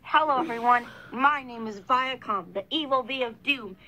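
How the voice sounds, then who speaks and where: A woman's voice: fairly high pitch, bright, forceful tone, a little hiss or hum, pitched below the performer's own voice. A woman voicing a mischievous evil logo character in a homemade cartoon, talking in a giggly, teasing way. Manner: giggly, teasing, slow-spoken. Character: mischievous evil logo prankster, female-voiced.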